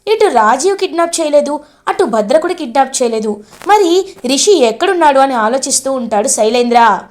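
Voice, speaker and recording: A woman's voice: sits high, fairly quick. A woman retelling the events of a TV serial as a dramatic story. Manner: animated, emphatic narration.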